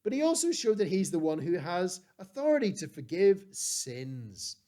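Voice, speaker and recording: A man teaching through a Bible passage in a relaxed, conversational way, reading verses and explaining them with frequent fillers. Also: high voice, moderate pace. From Wales. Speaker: preacher.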